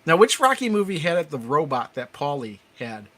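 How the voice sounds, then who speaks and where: A man's voice: on the high side, big pitch swings, pushed and bright. A man co-hosting a podcast in casual chat, laughing often as he talks. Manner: chuckling, quick to laugh. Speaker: podcast co-host.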